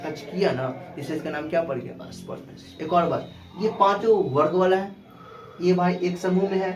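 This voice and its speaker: A man's voice: high-pitched, moderate pace, lo-fi sound, soft background music. A male teacher giving a classroom grammar lesson, asking questions and repeating the answers himself. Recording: echoey room with clear background noise.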